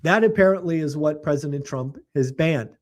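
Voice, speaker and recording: Hosting his real estate program at a moderate pace, this man offers market commentary that is blunt, forceful, and tinged with mockery. His pitch sits slightly high, and his voice has a faint hoarseness, as though it's giving out.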